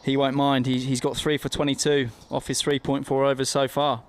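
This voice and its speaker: Fast-talking man giving even-toned cricket analysis. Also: medium pitch. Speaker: summariser and former county cricketer. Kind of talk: live cricket commentary, analysis.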